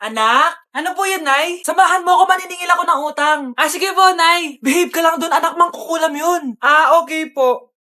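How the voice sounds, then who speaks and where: A woman acting out comedic skits and playing every character herself, often breaking into shouts. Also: very high voice, normal speed, roomy sound.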